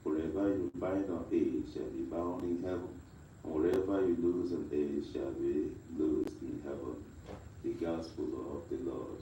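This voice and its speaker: A man leading mass as a priest, chanting and reading the gospel with a slow, solemn delivery, heard with a cathedral echo from a distant mic. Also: very deep voice, warm tone, lo-fi sound, a little hiss or hum. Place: large reverberant church.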